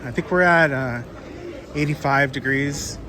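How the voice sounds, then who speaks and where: Out on busy city streets, a travel vlogger films his walking tour commentary on a handheld camera while street noise carries clearly. Hoarse from an oncoming cold, he talks at a measured pace and middling pitch, thinking aloud loosely with many fillers.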